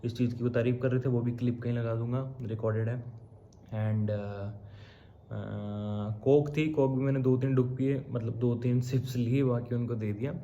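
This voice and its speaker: A man's voice: mid-range voice, steady tone, moderate pace, warm tone, highs cut off, slight background noise. A young man chatting casually in a travel vlog, mixing English words into his talk and calling his viewers bro. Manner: chatty, mixes English into Hindi, says bro often. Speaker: travel vlogger. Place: hotel room.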